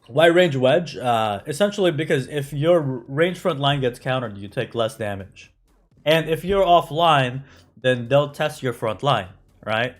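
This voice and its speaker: A man streaming a game, talking loosely to his chat at a middling pitch. He leans on fillers and tags his points with "right?". Soft music plays underneath. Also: lively intonation, a little slow. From United States. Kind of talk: casual live-stream commentary answering chat.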